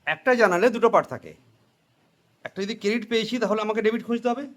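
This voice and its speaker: A man's voice: high-pitched, fast talker, a bit bright. A man teaching accounting to a class, questioning students and having them repeat answers, with English and Hindi phrases mixed in. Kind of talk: classroom lecture with call-and-response.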